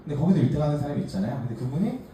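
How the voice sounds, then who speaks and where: Rapid-fire and sing-song, a rather high male voice tells a group his own life story. He's a case presenter at a workshop, in his forties, from Gangneung, Gangwon Province, South Korea, and he talks chattily, poking fun at himself with many fillers. The recording is echoey, with a distant mic and a faint hiss.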